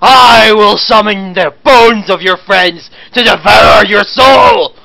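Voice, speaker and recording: A man voicing an evil necromancer in a sneering, gloating, dark manner for a tabletop game. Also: high voice, takes it slowly, creaky, pitched above the performer's own voice, heavily acted, low-quality recording. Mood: menacing gloating.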